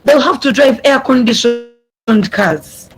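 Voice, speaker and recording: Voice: sits high, measured pace, over music, poor audio. A young adult speaker gives an earnest prepared speech over a video call, repeating phrases for emphasis. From Uganda. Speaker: youth speaker. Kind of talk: prepared speech at an online summit.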